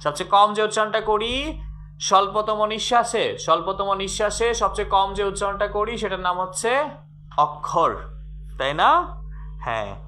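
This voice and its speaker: A man's voice: high-pitched, animated, normal speed, long pauses, pushed and bright, slight background noise. A middle-aged man teaching a live online grammar class, repeating questions over and over and coaxing his students to answer.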